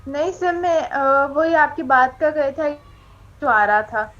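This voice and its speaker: A woman's voice: high voice, lively intonation, slow, a bit bright, highs cut off. A woman guest speaking politely and hesitantly over a bad call connection, her voice cutting out. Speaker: guest cricket analyst. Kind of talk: casual discussion on a remote call. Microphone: remote call.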